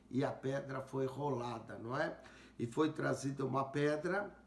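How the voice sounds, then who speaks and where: A male pastor teaching a Bible passage, speaking deliberately and repeating verses to comment on them. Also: on the high side. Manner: slow, deliberate, rereads verses aloud and comments. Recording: roomy echo.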